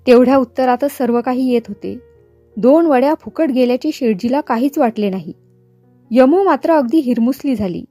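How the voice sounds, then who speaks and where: A woman narrating a novel aloud in a measured storytelling manner. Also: sits high, dark tone, no echo. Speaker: audiobook narrator. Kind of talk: novel reading.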